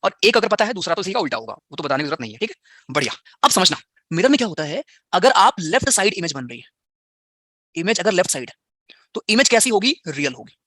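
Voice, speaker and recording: High-pitched, fast-talking male physics teacher. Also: very animated, sharp tone, no echo, clean studio sound. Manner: asks students quick rhetorical questions, mixes in English. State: slightly unwell. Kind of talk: online class lecture.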